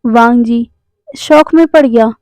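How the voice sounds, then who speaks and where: A woman narrating a fan fiction story in a plain, pausing way. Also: fairly high pitch, darkish tone, no room sound. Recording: dry, tinny phone-like sound.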